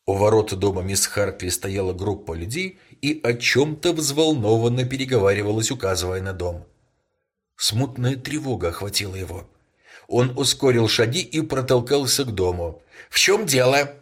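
A man narrating a story as an audiobook in a steady storytelling manner. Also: fairly low pitch, moderate pace.

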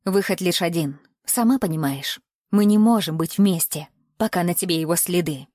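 A woman's voice: lowish voice, moderate pace, no room sound, clean studio sound, natural voice. A woman voicing a menacing male captor who speaks in a falsely tender, self-pitying croon, sometimes dropping to a whisper. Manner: soft crooning, at times whispering.

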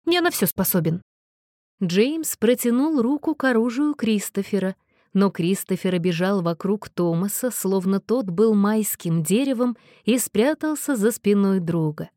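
A woman narrating an audiobook in a steady, expressive way. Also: medium pitch, measured pace, dry recording, studio quality.

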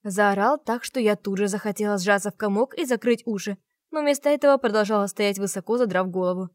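Female audiobook narrator, mid-pitched, dramatic first-person romance read, dry recording. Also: fast, no echo.

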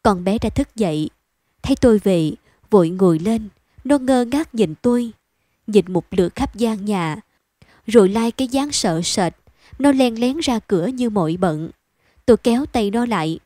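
A woman reading a bedtime story aloud in a calm, even storytelling manner. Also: medium pitch, normal speed, dry recording.

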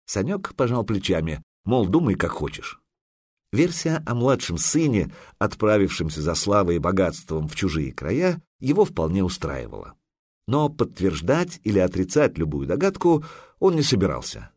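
A man narrating an audiobook in a lively, expressive way on a close mic. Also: deep voice, normal speed, husky, no room sound.

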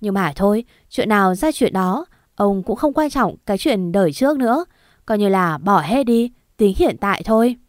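A woman's voice: mid-range voice, expressive, normal speed, no room sound, clean studio sound, lightly acted. A woman voicing an elderly family patriarch who hands down a grave judgement.

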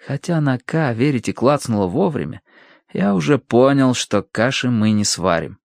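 A man narrating an audiobook in the first person with expressive, lively storytelling. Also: mid-range voice, normal speed, creaky, no room sound, studio quality.

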